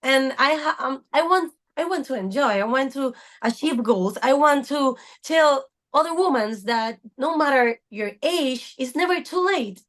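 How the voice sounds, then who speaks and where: A woman's voice: high-pitched, expressive, unhurried, hardly any pauses, a bit bright. A woman in her thirties, a guest on a podcast, speaking earnestly and searching for her words. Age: 30s. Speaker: podcast guest, fitness coach. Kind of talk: casual interview talk.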